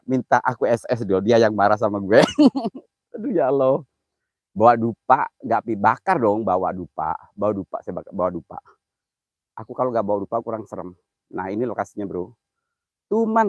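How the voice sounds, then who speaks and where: A man's voice: lowish voice, a little mellow, no room sound. Joking man, lo-fi live stream. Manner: joking, teasing, laughs often, reads viewer comments. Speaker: live-streaming mystery host. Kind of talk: live stream chat while exploring at night.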